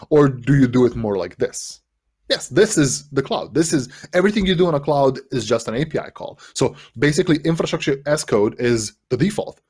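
A man in his thirties from Serbia, giving an energetic online workshop talk on a headset mic from a room at home, full of fillers and rhetorical "right?"s. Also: mid-range voice, slightly rough. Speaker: developer advocate giving a workshop.

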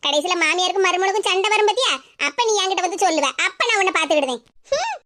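Woman voicing a shrill gossiping village neighbour. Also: animated, rapid-fire, full character voice. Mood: sneering. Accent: Tirunelveli Tamil. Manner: scolding, gossiping, sharp-tongued. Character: nosy, meddling older village woman neighbour. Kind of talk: cartoon voice acting.

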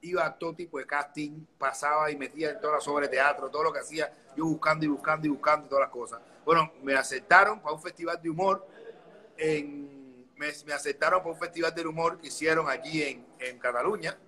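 Lively Cuban comedian, bright high voice. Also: male voice, fast talker, rough recording. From Cuba. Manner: lively, playful, mimics other voices. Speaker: comedian guest. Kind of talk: animated comic storytelling.

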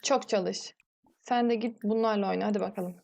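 A woman's voice: mid-range voice, steady tone, normal speed, creaky, a little mellow. A young woman casually commenting on her life-sim gameplay, chatting and scolding the characters on screen. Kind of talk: casual let's-play commentary.

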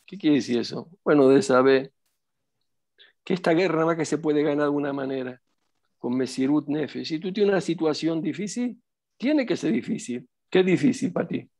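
A man's voice: on the high side, lively intonation, moderate pace, darkish tone. A middle-aged man teaching as a rabbi in a religious lesson, emphatic and preacherly, full of rhetorical questions.

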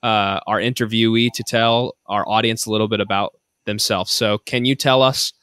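A man hosting a podcast interview, speaking in a measured, polite way. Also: on the low side, steady tone, a bit bright, smooth, no echo, studio quality. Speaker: podcast host.

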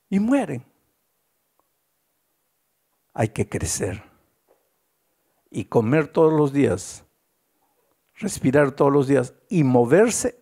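A male pastor tells a story in his sermon with lively, swooping intonation and rhetorical questions. His voice is gravelly and husky, with a dark, mellow tone. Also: fairly high pitch.

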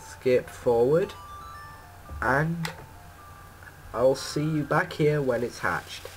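A man's voice: medium pitch, very slow, faint music behind, poor audio. A man giving casual gameplay commentary as a let's play host, rambling and correcting himself with many ums.

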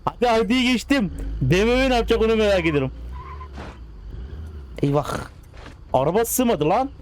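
A man with a slightly high voice gives excitable, casual commentary over a driving game. He coaxes and scolds the cars on screen as if they were pets. Faint engine sounds hum behind him. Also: normal speed. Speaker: gaming channel host.

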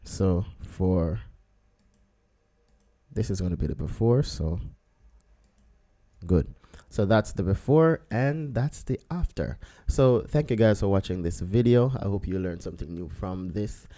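Clicking step by step through a photo edit on screen, a photographer explains his process in a relaxed, low and mellow voice. The software tutorial has an unhurried feel, as if he's thinking aloud while he works.

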